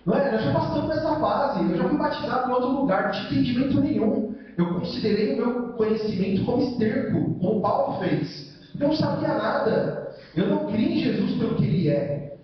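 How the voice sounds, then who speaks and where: A Brazilian man with a high voice preaches a sermon, chatty and full of questions he answers himself. He sounds far from the mic, with heavy echo around him. The sound is dull and muffled. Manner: conversational, with constant "né?" tag questions; asks rhetorical questions and answers them. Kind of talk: church sermon. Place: church hall.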